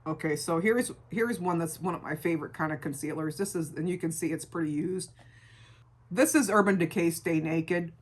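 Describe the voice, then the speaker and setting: A middle-aged woman with a gravelly voice, chatting casually through a beauty product review and repeating words for emphasis. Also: fairly low pitch, moderate pace. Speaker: beauty vlogger.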